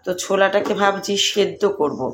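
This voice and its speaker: A woman of middle pitch talks to her viewers like old friends while she cooks at home. Dishes and cutlery clatter behind her, and the kitchen noise is clearly heard. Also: normal speed. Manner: speaks softly at times to keep quiet at home. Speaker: vlogger. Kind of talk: casual home cooking vlog.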